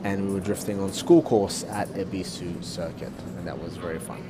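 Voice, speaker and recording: A man giving live motorsport play-by-play commentary, explaining things in a measured, casual way. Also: low voice, fairly even intonation. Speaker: commentator and drift driver. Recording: clear outdoor vehicle noise. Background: cars and outdoor ambience.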